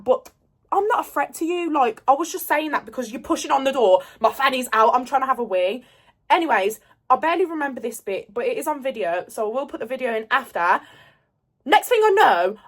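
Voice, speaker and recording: A woman's voice: high voice, a bit bright. A woman telling a rambling storytime vlog in casual chat, swearing freely. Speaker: storyteller vlogger.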